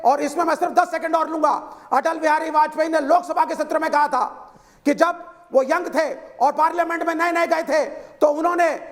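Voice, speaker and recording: Very high-pitched insistent male debater. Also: fairly even intonation, moderate pace. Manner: insistent, repeats his one question. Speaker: opposition panelist. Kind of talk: heated TV debate.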